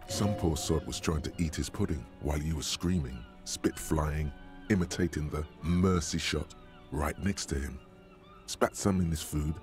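An actor voicing the brooding, sardonic inner voice of a detective's mind in a video game, narrating slowly and deliberately. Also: male voice, rumbling low, music in the background. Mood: wry, sardonic.

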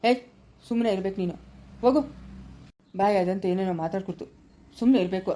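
A woman's voice: medium pitch, fast talker, warm tone, natural voice. A woman playing a firm, middle-aged male village elder in a rural family drama. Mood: soothing.

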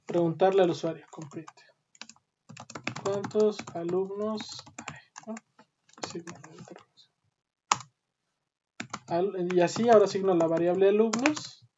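Lower-voiced woman teaching code, lo-fi. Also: dark tone. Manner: explanatory, frequent checking "¿sí?", "¿no?". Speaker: university programming teacher. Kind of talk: screen-recorded coding lesson. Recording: dull lo-fi audio with clear background noise and keyboard typing.

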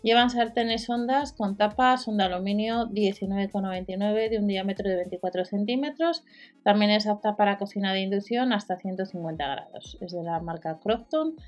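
A woman's voice: medium pitch, moderate pace, a little mellow, faint music behind. A woman from hosting a deals channel, reading out prices and product details with small fillers, as a voice-over. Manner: listing prices and specs with fillers. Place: voice-over over screen recording.

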